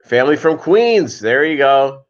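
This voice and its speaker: With a mid-range, sing-song voice and a slightly slow pace, a man hosts his fishkeeping channel's livestream. The recording's highs are cut off, and he wanders along reading and answering what viewers write.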